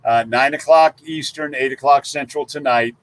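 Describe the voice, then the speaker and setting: A man's voice: mid-range voice, fairly even intonation, normal speed. A man co-hosting a casual live stream, folksy and chatty, rattling off viewer guesses. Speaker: livestream co-host.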